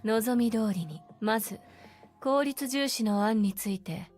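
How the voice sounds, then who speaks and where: An actress voicing a composed adult woman in a game, speaking in a measured, matter-of-fact way. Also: on the high side, expressive, darkish tone, soft background music. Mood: calm. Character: composed, cold adult female strategist.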